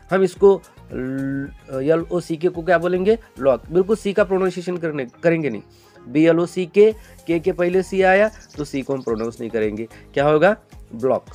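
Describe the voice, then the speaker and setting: A man whose voice is a little high and a little mellow teaches English pronunciation in Hindi, classroom-style. His drills rely on repeated call-and-response questions, which he answers himself. He addresses viewers as children, calling them "beta."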